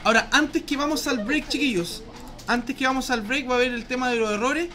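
A man's voice: extremely high pitch, brisk, sharp tone, faint music behind. A male programming teacher with a Chilean Spanish accent, explaining casually in a live class and asking "¿ya?" after each point. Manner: slangy, chatty, asks "¿ya?" often.

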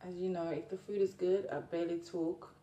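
A young woman with a Jamaican accent chats casually to her viewers over a meal, chewing while she talks. Her voice is soft-edged and mellow. It is picked up from some distance in a roomy space, with faint noise behind it. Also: on the low side, flat delivery, a little fast, dull audio. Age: young adult. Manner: chewing while talking, with mouth often full. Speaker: mukbang vlogger. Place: small indoor room at a table.

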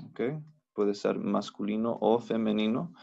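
A man teaching a recorded language lesson, slow and patient, repeating each word so it can be pronounced. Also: on the low side, flat delivery, creaky, darkish tone, husky, highs cut off. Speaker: biblical Hebrew teacher.

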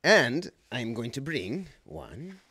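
A voice actor hosting a casual livestream, unboxing fan mail and exclaiming excitedly in a rambling way. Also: male voice, mid-range voice, takes it slowly, a little hiss or hum.

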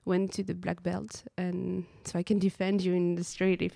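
This podcast host and drone pilot, a woman in her thirties from France, speaks with a French accent and a giggly manner full of restarts and fillers. Her fairly low, creaky, warm voice has little pitch movement and a moderate pace. She sits on a living room couch with a handheld dynamic mic, and there's no room sound.

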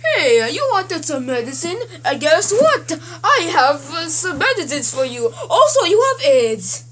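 Performer doing high, gleeful quack Doctor Mario. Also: very animated, measured pace, fairly bright tone, heavily acted. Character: gleeful, inept male doctor video-game character toy.

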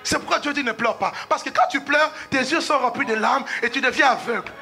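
A middle-aged male pastor preaching a sermon in a church, fervent and breaking into shouts. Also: very high voice, a little fast, creaky, faint music behind.

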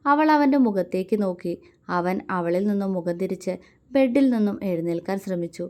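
A woman storyteller reads a romance aloud at a steady, measured pace. Her voice sits at an ordinary middle pitch, even and unhurried between the characters' lines.

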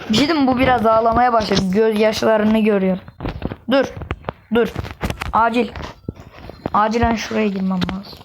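Young woman gamer, high voice, jumpy live commentary, noisy recording. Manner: excitable, swears under breath, talks to viewers. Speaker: gaming YouTuber. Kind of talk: casual game commentary.

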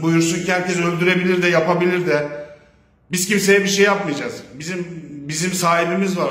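A man giving a heated, profane, confrontational video message, sometimes breaking into shouts. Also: sits high, roomy sound. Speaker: speaker of a public video statement.

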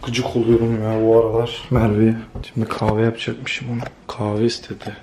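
A man in casual home chat, joking and grumbling in a deadpan way. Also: fairly low pitch, normal speed, over music. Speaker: partner in home vlog. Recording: noisy home recording.

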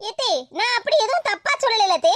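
A woman's voice: extremely high pitch, animated, fairly quick, fairly bright tone, a little hiss or hum. A woman voicing a cheeky, argumentative young cartoon girl with a Tirunelveli Tamil accent. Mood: defiant. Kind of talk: cartoon voice acting.

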